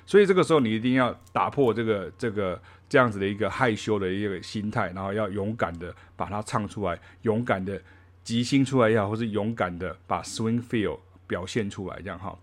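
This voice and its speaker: A man's voice: lowish voice, brisk. A man giving a casual spoken jazz lesson, chatting in a loose, rambling way and scatting rhythms aloud. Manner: chatty, ends phrases with a soft "ha", scats rhythms aloud. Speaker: jazz teacher.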